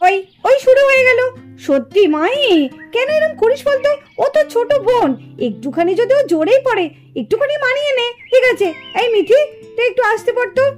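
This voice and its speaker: A woman's voice: extremely high pitch, darkish tone. A woman voicing a doting mother in a doll cartoon, praising one daughter and scolding the other. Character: doting mother of two girls.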